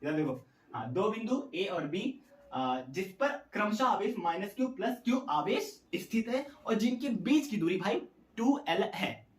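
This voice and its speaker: A man's voice: sits high, sing-song, measured pace, distant mic. A young man teaching a physics derivation in a playful, dramatic way and cracking jokes as he goes. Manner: jokey, dramatic, switches into student voices. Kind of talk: playful classroom explanation. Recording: echoey room, away from the mic. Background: a dog barking.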